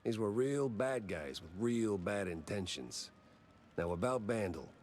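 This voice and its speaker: Jack Pepper, gruff noir mouse detective. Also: male voice, on the low side, expressive, a little slow, a little mellow, a little hiss or hum. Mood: terse, probing. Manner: clipped, gruff noir delivery. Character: hard-boiled male mouse detective, war veteran. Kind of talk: cartoon game voice acting.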